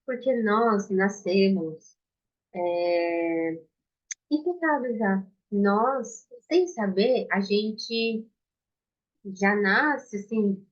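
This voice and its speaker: A Brazilian woman giving an informal Bible story lesson to children, explaining simply in halting phrases with questions to her young listeners. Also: mid-range voice. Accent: Brazilian Portuguese. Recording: dull lo-fi sound.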